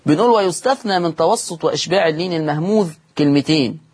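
A man with an Egyptian accent gives a recitation lesson for broadcast. His voice is fairly high and a bit husky. He keeps repeating his key points and answers his own questions. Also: fast talker, a little mellow. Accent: Egyptian Arabic. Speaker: Quran recitation teacher. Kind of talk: televised religious lesson. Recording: studio broadcast.

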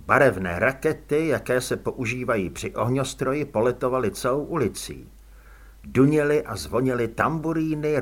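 A man narrating an audiobook in an expressive, dramatic storytelling manner. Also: mid-range voice.

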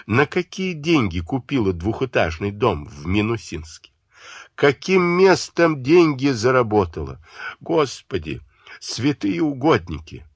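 A man's voice: lowish voice, husky, no echo, clean studio sound, heavily acted. A man voicing a furious scornful young woman. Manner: shouting scornful accusations. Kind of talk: audiobook character voice.

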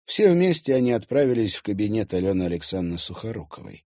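A male audiobook narrator reads expressively, in a low, dark voice with a husky grain. His pitch rises and falls widely as he tells the story. The sound is dry and close. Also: big pitch swings, fast, dry recording. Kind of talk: scripted narration.

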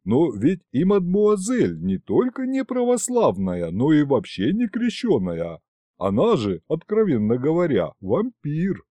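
A man's voice: fairly high pitch, wildly swooping pitch, unhurried, dark tone, no room sound, exaggerated voice. A man voicing a courteous, earnest ambassador who speaks formally and sounds confused. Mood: puzzled. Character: polite, earnest French ambassador, middle-aged man.

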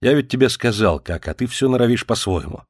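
A man voicing a polite, careful gentleman homeowner who speaks quietly and with restraint in an audiobook. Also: mid-range voice, animated, fairly quick, no room sound, studio quality, close to an everyday voice.

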